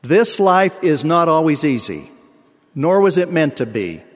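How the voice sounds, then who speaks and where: An older man delivers a sermon in a measured, earnest storytelling manner. His voice sits a little high for a man. The sound carries a long reverb from a large conference hall. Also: big pitch swings. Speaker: church speaker.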